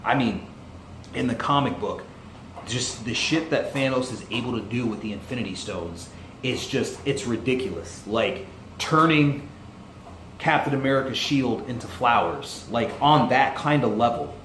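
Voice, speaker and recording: Man, casual vlog commentary, rambling and excitable, faint background hiss. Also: medium pitch, normal speed. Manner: rambling, excitable, loose with swearing. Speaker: YouTuber. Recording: echoey room with faint noise.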